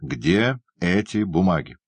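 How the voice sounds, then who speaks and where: A man voicing a grave, insistent older gentleman who speaks solemnly and slowly. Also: fairly low pitch, big pitch swings, gravelly, dry recording, voice pushed up, heavily acted. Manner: solemn, measured. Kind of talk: audiobook character voice.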